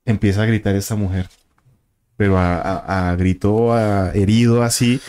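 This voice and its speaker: A man's voice: on the low side, fairly even intonation, moderate pace, mellow, smooth. A man, a guest telling a vivid story and acting out the voices and sounds in it. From Colombia. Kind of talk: casual storytelling of a paranormal experience.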